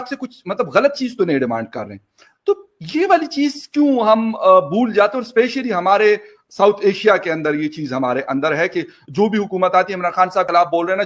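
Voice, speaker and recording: A man's voice: high-pitched, fairly bright tone. A man from Pakistan, hosting an interview with jokey, probing questions. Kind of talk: conversational interview.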